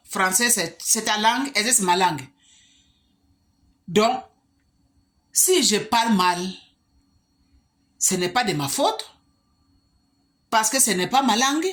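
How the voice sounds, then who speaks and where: An African woman vlogs straight to the camera in a fairly high, slightly bright voice. Her monologue is punctuated by emphatic rhetorical questions aimed at the viewer.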